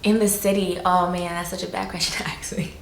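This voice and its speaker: A woman's voice: lowish voice, little pitch movement, brisk, reverberant, a little hiss or hum. A woman from South Florida, chatting loosely as an interview guest, full of fillers and casual swearing.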